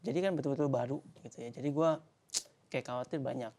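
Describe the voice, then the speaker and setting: A young man reflects in casual podcast conversation. He speaks at a middle pitch and a steady pace, pausing often to hunt for the right words. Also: slight background noise. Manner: thoughtful, halting with fillers. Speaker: podcast co-host.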